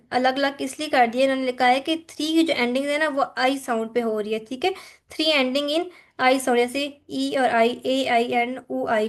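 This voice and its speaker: A woman with a Pakistani accent teaching a phonetics lesson, walking through slides, often pausing to check and drawing out examples slowly. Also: high voice. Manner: mixes Hindi-Urdu with English terms, repeats "ठीक है", slows to spell out examples. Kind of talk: lecture explaining slides.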